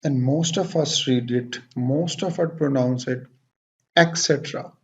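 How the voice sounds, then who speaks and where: In this pronunciation lesson, a man with a medium-pitched, creaky, slightly mellow voice teaches English, deliberately repeating each word several times. He moves back and forth between explanations in English and Hindi.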